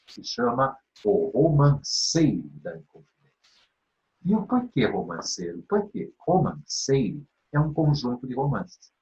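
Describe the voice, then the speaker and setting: Brazilian male literature teacher, very animated delivery, slightly dull lo-fi recording, rhetorical questions, counts syllables aloud. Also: medium pitch. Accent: Brazilian Portuguese. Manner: animated, asks and answers his own questions, checks in with "tá bem?"; counts poetic syllables aloud, half-singing the verses. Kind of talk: exam-prep literature lesson.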